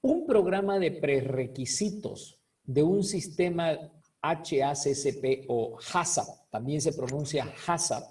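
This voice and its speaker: A teacher giving a recorded class on food safety, speaking slowly and deliberately in a soft, mellow tone. The teacher asks rhetorical questions, checks in with "ok?" and repeats key words to stress them. The voice sounds somewhat distant from the microphone. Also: mid-range voice, lively intonation. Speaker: food quality control teacher.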